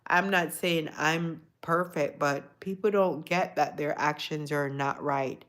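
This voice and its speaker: This livestream host, a woman of Jamaican descent, speaks slowly in a deep, steady voice with a fairly bright tone. She chats casually and reflectively with viewers, calling them by name and often repeating herself.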